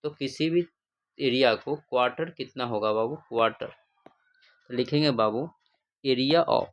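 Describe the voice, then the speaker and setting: A man's voice: mid-range voice, unhurried. Man teaching math, quizzing students. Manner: call-and-response questioning, repeats answers, calls students "babu". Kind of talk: livestream classroom lesson.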